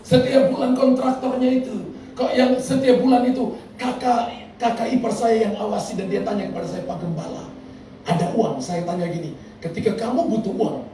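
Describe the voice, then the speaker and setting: A man from Indonesia, preaching a sermon as a pastor in an animated way, acting out quotes and laughing between lines. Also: high voice, normal speed. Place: large church hall. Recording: echoey hall from far off with noise.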